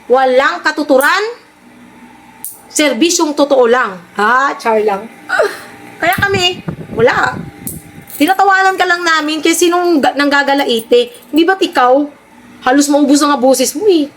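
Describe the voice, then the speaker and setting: High-voiced woman, teasing vlogger. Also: unhurried, pauses often, background noise. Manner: teasing, sarcastic, laughing. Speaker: vlogger reacting to clips. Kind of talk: mocking reaction commentary.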